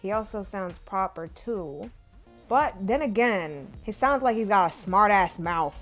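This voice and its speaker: A woman's voice: medium pitch, expressive, a little slow, a bit bright, faint music behind. A woman vlogger chatting casually in a playful, profane, gushing way. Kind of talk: casual chat.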